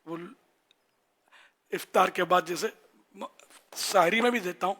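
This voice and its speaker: An older man gives a religious talk in a Pakistani Urdu accent. His voice is fairly high and gravelly. He teaches in a conversational way and slows down to demonstrate phrases. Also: a bit bright. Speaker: religious scholar.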